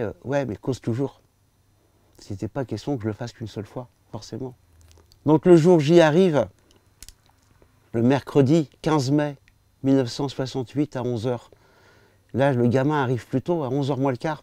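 Older male storyteller, mellow dry voice, hesitant and lively. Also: mid-range voice, no room sound. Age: 60s. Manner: lively, hesitant with many fillers. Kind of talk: spoken storytelling. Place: small venue.

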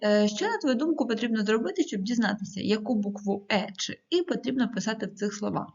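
A woman teacher explaining a lesson calmly, with hesitating fillers. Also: a little high, fast talker, gravelly, muffled recording. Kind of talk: recorded online lesson.

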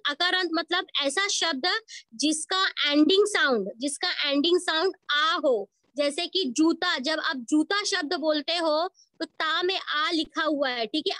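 A woman's voice: high voice, pushed and bright, no echo. A woman teaching a school Hindi grammar lesson online, asking questions and answering them herself, mixing English words into her Hindi. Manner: asks questions and answers them herself, addresses pupils as beta. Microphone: video call recording.

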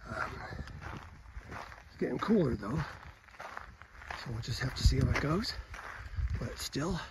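An older man narrating his own winter hike in a relaxed, plain way, recorded outdoors on a phone held at arm's length. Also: medium pitch, very noisy. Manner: relaxed, plain, with fillers and pauses while hiking. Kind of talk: casual narration while walking. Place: outdoors on a snowy mountain trail. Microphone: phone camera held at arm's length.

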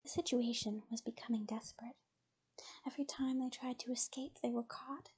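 Soft whispering woman reading a bedtime story. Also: on the high side, steady tone, moderate pace, breathy edge, low-quality recording.

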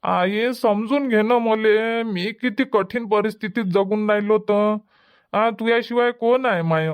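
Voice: mid-range voice, a little slow, smooth, close to an everyday voice. A voice actor playing a pleading, henpecked grown son in a cartoon comedy, with a whiny manner. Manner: pleading, whiny, soft-spoken.

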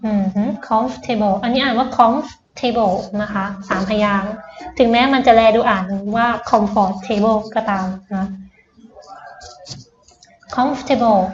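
A woman tutor giving a patient lesson, quizzing her student step by step and mixing English words into her explanations. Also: on the high side. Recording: roomy, dull lo-fi sound.

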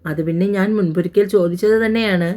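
A woman's voice: fairly low pitch, fairly even intonation, quick pace, warm tone, lightly acted. A woman voicing a spirited, affectionate young nurse in a romance audio story.

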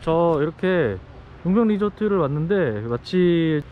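A man's voice: on the high side, expressive, measured pace, lo-fi sound. A young man chatting casually in a travel vlog while talking through a mouthful of potato. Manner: chatty, tasting and commenting on food aloud. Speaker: travel vlogger. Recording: noisy outdoor recording with traffic.

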